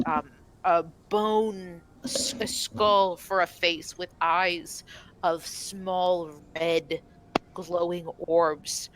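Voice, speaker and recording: Slow-speaking woman game master. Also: lowish voice, fairly bright tone, slight background noise, low-quality recording. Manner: halting, full of fillers and restarts. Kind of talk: narrating a tabletop game.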